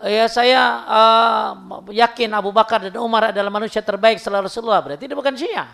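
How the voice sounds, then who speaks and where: A man's voice: high voice, fairly quick, vocal fry. A man giving an informal sermon, telling stories and acting out dialogues. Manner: lively storytelling, acts out dialogues. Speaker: preacher.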